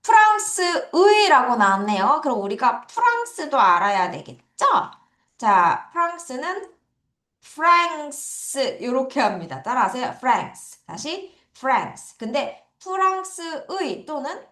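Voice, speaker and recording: A woman teaches an English vocabulary lesson in an unhurried, sing-song way, her pitch rising and falling a lot. She coaxes students to repeat each word after her. The room is echoey. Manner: lively, coaxing students to repeat words. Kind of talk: online lesson.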